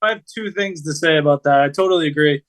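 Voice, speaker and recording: Man, slightly high voice, casual sports chat, rambling, slangy. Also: fast talker, fairly bright tone. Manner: informal, slangy, rambling storytelling. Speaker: podcast co-host.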